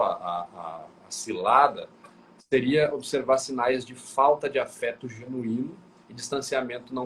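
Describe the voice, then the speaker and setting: A man from Brazil hosts a live stream and gives advice in a calm, explanatory way at a mid-range pitch. A faint background hiss runs under his voice. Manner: calm, explanatory, gives tips and reads viewer questions. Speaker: host and communication coach.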